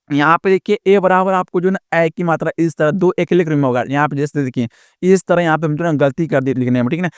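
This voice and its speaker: High, clear-voiced man teaching a lesson. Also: dry recording, clean studio sound. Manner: repetitive, drawn-out classroom explaining with many fillers. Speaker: English teacher. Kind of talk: casual spoken lesson.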